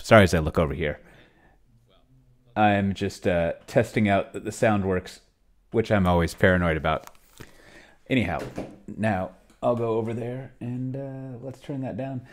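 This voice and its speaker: A man in his forties rambles casually on a livestream from a small home office lined with bookshelves, close to a large desk microphone. His voice is on the low side, and he speaks haltingly, digressing and interrupting himself.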